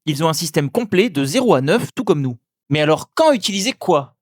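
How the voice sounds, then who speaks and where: A man teaching language, giving scripted, methodical explanations and slowly sounding out example words. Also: a little high, sing-song, no room sound, studio quality. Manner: clear, methodical explanations with slow demonstrated pronunciations. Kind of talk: scripted educational narration.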